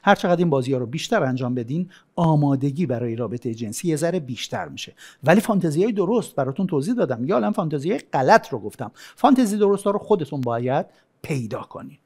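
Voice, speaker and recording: A man teaching a recorded course in casual, everyday speech, acting out short example scenes as he explains. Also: a little high. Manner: colloquial and animated, acting out little scenes. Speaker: sex educator.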